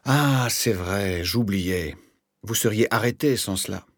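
A man voicing a calm, patient, gently ironic middle-aged man in an audiobook. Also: low voice, normal speed, slightly rough, no room sound, clean studio sound. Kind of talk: audiobook character voice.

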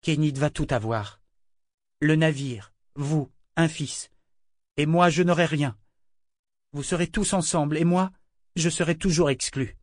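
A man's voice: on the high side, measured pace, pauses often, dry recording, studio quality, voice pushed up, close to an everyday voice. A man reading an audiobook voices a hesitant, lonely young man who keeps breaking off mid-sentence. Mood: bitter.

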